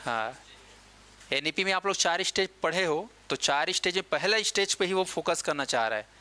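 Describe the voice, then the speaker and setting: Male exam-coaching teacher, bright and crisp, chatty, quizzes then answers himself. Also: high voice, lively intonation. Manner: quizzing students with quick questions and answering them himself; slows down to dictate key dates and terms. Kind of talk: classroom lecture.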